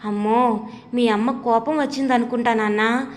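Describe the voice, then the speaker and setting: A woman's voice: on the high side, fairly even intonation, moderate pace, close to an everyday voice. A woman voicing a playful, teasing young husband in a storybook reading, with a long hall reverb on the recording.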